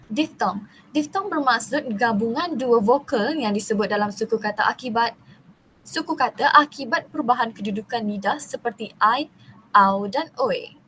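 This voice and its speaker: Reading her university presentation at a moderate, careful pace, the young woman from Malaysia speaks in a fairly high voice and stumbles over lengthy technical words, going back to start them again. The recording is low in quality with a faint hiss.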